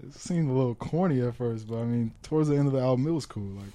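A man's voice: medium pitch, fast talker, dark tone. A young man co-hosting a podcast, chatting casually in slang and laughing often. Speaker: podcast co-host. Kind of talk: casual chat.

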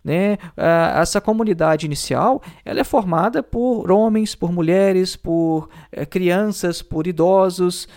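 A man's voice: sits high, a little slow, few pauses, darkish tone. A man explaining philosophy in a lecture, thinking aloud with many fillers and tag questions. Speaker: teacher.

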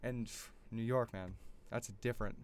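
A man hosts a podcast in a smooth, resonant voice. He talks with energy and rambles a little. His chat with the guest stays casual. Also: medium pitch, steady tone, moderate pace. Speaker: podcast host.

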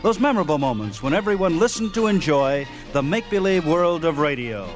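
A man's voice: a little high, lively intonation, brisk. A man hosting a radio program with formal, announcer-like scripted narration. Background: music.

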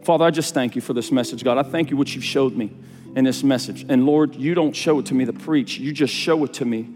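Energetic pastor preaching in a reverberant hall. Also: male voice, medium pitch, fairly quick. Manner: animated, repeats phrases, calls for congregation responses. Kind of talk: sermon. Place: church sanctuary. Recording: long hall reverb with faint music.

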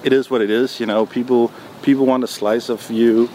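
A man answering interview questions in a relaxed, hesitant way, with many ums and restarts. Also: medium pitch, brisk. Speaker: music producer guest. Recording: noisy background.

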